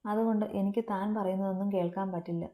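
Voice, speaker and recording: A woman's voice: mid-range voice, steady tone, quick pace, dark tone, lightly acted. A woman voicing an agitated, scolding middle-aged male college principal in a story reading. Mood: stern. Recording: roomy echo.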